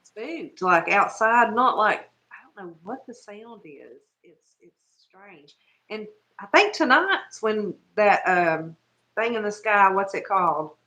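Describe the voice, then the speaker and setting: Woman guest, middle pitch, bright tone, loose chatty delivery with word searches. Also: animated, slow. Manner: chatty, searches for words, laughs often. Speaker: guest, small business owner. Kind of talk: casual chat.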